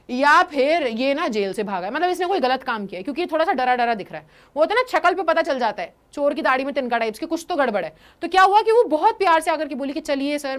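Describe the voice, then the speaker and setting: A young woman teaching an English story lesson, telling it in a lively way and slipping into voices for the quotes. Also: high-pitched.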